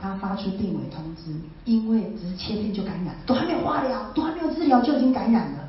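A woman's voice: mid-range voice, expressive, fast talker. A woman gives an emotional personal testimony, repeating phrases and asking her listeners rhetorical questions. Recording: very echoey, distant, slightly dull sound.

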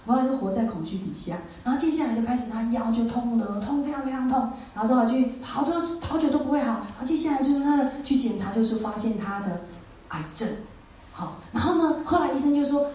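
A fairly high-voiced woman tells her story as a heartfelt testimony, often repeating herself and turning to the listeners with questions. She is heard from a distance in a large, strongly echoing hall. The sound is a little dull. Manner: repeats phrases and asks listeners rhetorical questions.

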